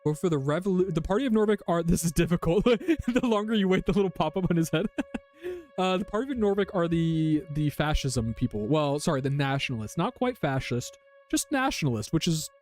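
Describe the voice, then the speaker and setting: A man's voice: a little high, lively intonation, normal speed, a little mellow, soft background music. A man streaming a story game, reacting casually, thinking aloud and laughing often. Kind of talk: casual livestream commentary.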